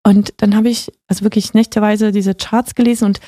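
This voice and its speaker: A woman's voice: medium pitch, little pitch movement, fairly quick, dark tone, dry recording, studio quality. A woman guest on a radio talk show who tells her story with enthusiasm, often agreeing with "genau". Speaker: podcast guest, investor. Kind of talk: casual radio interview.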